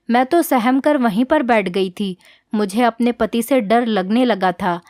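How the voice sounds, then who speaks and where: A woman narrating a first-person family story in an even, plain storytelling tone. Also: on the high side, no room sound, studio quality.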